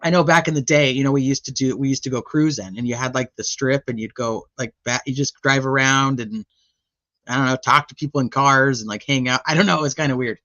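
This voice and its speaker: A woman's voice: a bass voice, fast, a bit bright, highs cut off. A woman hosting a true crime channel, casually recapping trial testimony in a rambling, chatty way full of fillers.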